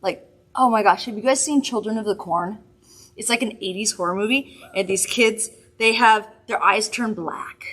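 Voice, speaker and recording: A woman's voice: mid-range voice, normal speed, a bit bright, husky. Chatty, giggly woman hosting a makeup live. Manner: chatty, giggly, rambling asides. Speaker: makeup livestream host. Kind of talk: casual product demo chat.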